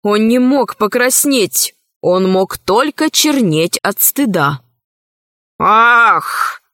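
A woman reading a children's story aloud as narrator, calm and measured. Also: medium pitch, no echo, clean studio sound.

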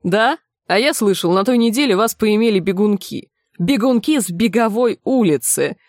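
A woman's voice: mid-range voice, lively intonation, moderate pace, a little mellow, no room sound, studio quality, voice pushed up, close to an everyday voice. Woman doing a scoffing young rival fan. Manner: scoffing, boastful.

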